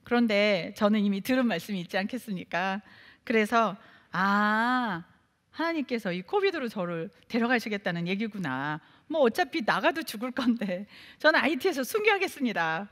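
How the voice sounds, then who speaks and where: Woman missionary preaching her testimony, kinda high voice, bounces all over, acts out her own prayers, echoey hall. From Canada. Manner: animated storytelling, acting out her own prayers and replies. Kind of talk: testimony sermon.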